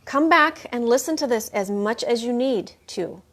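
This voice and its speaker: A woman hosting a spiritual livestream, gushing over viewer comments and thanking everyone again and again while she clears her throat now and then. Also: a little high, animated, normal speed, fairly bright tone. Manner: reads viewer comments aloud and answers them. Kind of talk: live chat after a meditation.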